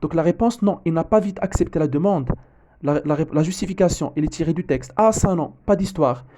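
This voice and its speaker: A male teacher goes through an exam correction. His voice sits fairly high but sounds mellow and soft-edged. He talks haltingly, stopping on fillers and restarting his sentences. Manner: hesitant, frequent fillers and restarts. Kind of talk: exam correction lesson, reading the text aloud.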